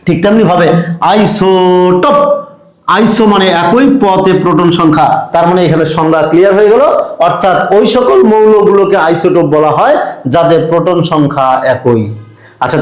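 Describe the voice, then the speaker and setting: A high-pitched man with a Bangladeshi Bengali accent gives a chemistry lecture in an echoey room. He talks straight to his students and drags out key syllables so the terms stick. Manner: drawn-out stressed syllables for drilling terms; direct, encouraging address to students. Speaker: chemistry teacher. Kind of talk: classroom lecture.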